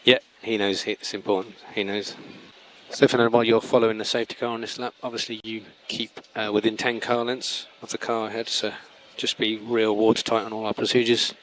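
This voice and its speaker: Heard on noisy team radio with car sounds in the background, a male race engineer repeats short, clipped instructions to his driver. He speaks fairly quickly in a fairly low, level tone.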